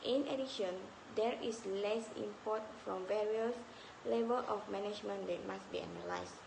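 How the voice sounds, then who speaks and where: Creaky young woman in an echoey room. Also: medium pitch, normal speed. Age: young adult. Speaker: student presenter. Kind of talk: scripted slide presentation. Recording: echoey room with clear noise.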